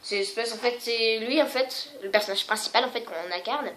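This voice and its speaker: Une femme qui présente ses jeux vidéo sur un ton décontracté, en hésitant souvent et en se moquant d'elle-même. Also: female voice, fairly high pitch, brisk, fairly bright tone, a little hiss or hum. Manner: rambling, many fillers and self-mocking asides. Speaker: gaming vlogger. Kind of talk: casual video game showcase.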